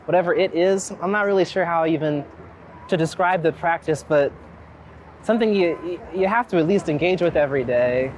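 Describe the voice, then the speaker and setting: Here the Philadelphia street photographer chats at a normal speed, his mid-range voice carrying a darkish tone as he wanders through wry, reflective tangents. The walking interview takes place outdoors, with city traffic and vehicles going by.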